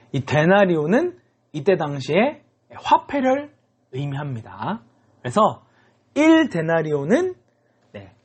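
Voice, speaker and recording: Husky-voiced man preaching to children. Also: on the high side. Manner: animated, constantly checking in with kids. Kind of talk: children's sermon storytelling.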